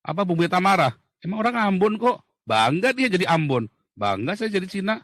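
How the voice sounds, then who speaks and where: A man from Indonesia talking in a heated, casual monologue, blunt and mocking, swinging from loud outbursts to low muttering. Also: big pitch swings, a little fast, no echo. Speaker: talk show speaker.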